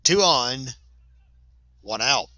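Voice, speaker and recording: A man calls a small-town softball game with a very bright, forceful voice. He talks in a chatty way and corrects himself as he goes. The sound is dry and close, with almost no room around it. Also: medium pitch, lively intonation, drawn-out words, dry recording, rough recording. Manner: chatty, self-correcting, laughs at big plays. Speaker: play-by-play announcer. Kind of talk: sports commentary. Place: at a high school softball field.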